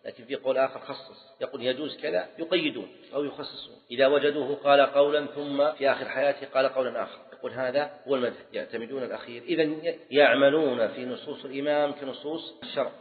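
A man teaching a class on jurisprudence, repeating key phrases and putting questions to his students. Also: mid-range voice. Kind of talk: classroom lecture. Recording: tinny lo-fi recording in a reverberant hall.

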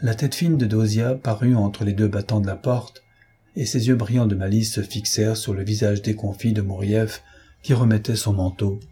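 A man narrating a classic novel as an audiobook, in a measured storytelling manner with a husky voice. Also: on the low side, fairly even intonation, warm tone.

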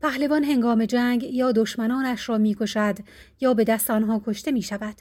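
A proud young hero-king speaks in stern, formal words from an old storybook, read out by a woman. The voice sits high and clear, with the measured weight of a fable told aloud. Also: fairly even intonation, darkish tone, lightly acted. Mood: solemn. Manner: formal, solemn speech.

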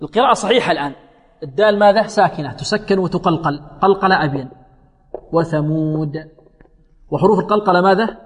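High-voiced man teaching recitation, echoey hall. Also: animated, rapid-fire, breathy edge. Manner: quizzing students with questions, demonstrating sounds repeatedly. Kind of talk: classroom tajweed lesson.

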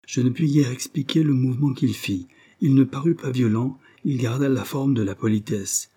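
A man reading a novel aloud as an audiobook narrator, in a measured, literary way. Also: mid-range voice, mellow, husky. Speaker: audiobook reader. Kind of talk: scripted narration.

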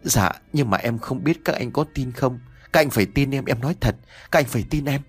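A man's voice: medium pitch, brisk, husky, soft background music, voice pushed up, natural voice. A man voicing a panicked male driver who pleads to be believed. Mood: pleading. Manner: pleading, begging.

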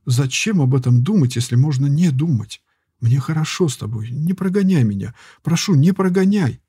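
A lovesick young girl who pleads with trembling urgency, as a male audiobook reader puts her on. The voice is lifted higher but stays dark and breathy underneath. It is recorded close and dry, with no room sound. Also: lively intonation, normal speed, no echo. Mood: desperate. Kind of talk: audiobook character reading.

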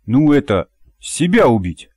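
A man's voice: mid-range voice, sing-song, unhurried, darkish tone, slightly rough, no echo, studio quality, voice pushed up. A male audiobook reader voicing an awkward, simple-hearted young husband who speaks hesitantly. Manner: hesitant, shy, folksy speech. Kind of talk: audiobook character voice.

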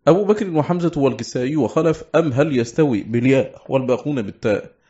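A man reading aloud a classical text on Quranic readings for an audiobook, in a measured, formal delivery. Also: on the high side, expressive, warm tone, muffled recording. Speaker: audiobook reader.

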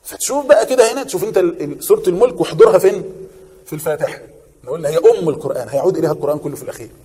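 Fast-talking Egyptian preacher in a hall. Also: male voice, fairly high pitch, breathy edge. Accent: Egyptian Arabic. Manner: animated, asks and answers his own questions. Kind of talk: sermon.

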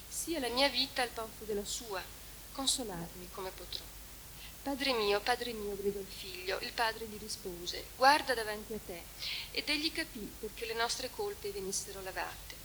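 A woman giving a conference talk, reading a translated text aloud in a measured, deliberate way. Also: fairly high pitch, sharp tone. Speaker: conference speaker. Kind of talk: academic lecture with read-aloud translation. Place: conference hall. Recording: echoey hall recording with hiss.

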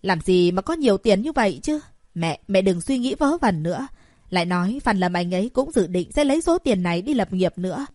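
A woman's voice: mid-range voice, expressive, a little fast, darkish tone, dry recording, studio quality, lightly acted. A woman voicing an anxious, dutiful young wife in an audiobook, pleading with and placating her mother. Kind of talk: audiobook character voice.

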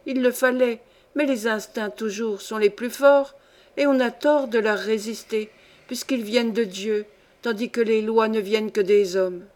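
A woman's voice: a little high, steady tone, measured pace, darkish tone, lightly acted. A woman reading a story aloud, voicing an indignant, worldly old grandmother who lectures her granddaughter with scorn. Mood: lecturing. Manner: scornful, lecturing, sweeping tirade. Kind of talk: audiobook reading.

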